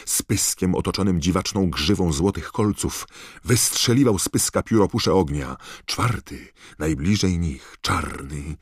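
Very deep man, audiobook narration, dramatic, dry close sound. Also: slightly rough, no echo. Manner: dramatic, varied delivery. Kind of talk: scripted narration.

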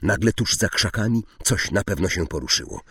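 A man giving calm, measured storybook narration. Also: low-pitched, gravelly, slightly rough, no room sound, studio quality. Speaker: audiobook narrator.

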